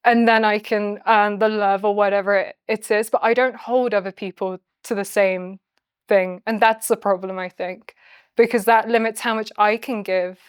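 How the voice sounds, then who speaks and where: Smooth-voiced woman, thoughtful and hesitant. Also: medium pitch, steady tone, normal speed, no room sound, clean studio sound. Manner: thoughtful, hesitant, self-searching. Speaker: interviewee and docuseries assistant. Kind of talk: reflective documentary interview.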